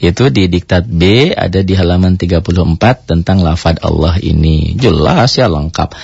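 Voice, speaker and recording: A man teaching Quran recitation rules in a radio lesson, explaining step by step, asking and answering his own questions and chanting example verses slowly. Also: sits low, creaky, a little mellow, husky, dry recording. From Indonesia. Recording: muffled dry radio broadcast.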